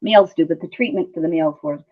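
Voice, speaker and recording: A middle-aged woman speaks in a fairly low voice over a narrow, phone-like connection. She sounds like a nurse in an interview, talking conversationally and repeating words to stress her point. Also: quick pace. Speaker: hospice nurse interview guest. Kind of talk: conversational personal storytelling. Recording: muffled phone-like line.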